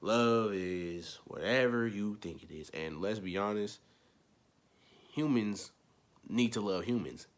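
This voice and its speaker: A young man talking straight to the camera in a casual, rambling opinion rant. He repeats himself and swings between low mumbles and loud, emphatic bursts. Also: slow. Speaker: vlogger.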